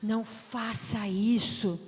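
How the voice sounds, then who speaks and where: Woman doing a small boy voice, mock-stern, slow and hushed, lowered pitch, long hall reverb. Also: fairly even intonation. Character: small grandson playing a stern parent.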